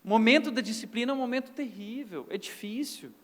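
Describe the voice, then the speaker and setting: Brazilian pastor, light high voice, lively joking sermon, echoey church hall. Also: male voice, fast talker. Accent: Brazilian Portuguese. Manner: humorous, animated storytelling.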